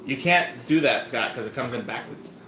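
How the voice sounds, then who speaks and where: A man's voice: mid-range voice, expressive, normal speed. A man co-hosting a live beer review, bantering casually and cutting in with short jokes. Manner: joking, interjecting short quips. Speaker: beer review show co-host. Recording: echoey room with faint noise.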